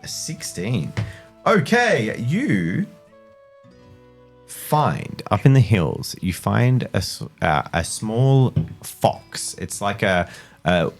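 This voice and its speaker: A man's voice: lowish voice, very animated, extremely slow. A man running a tabletop game as game master, casually narrating and often stopping to correct himself. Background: music.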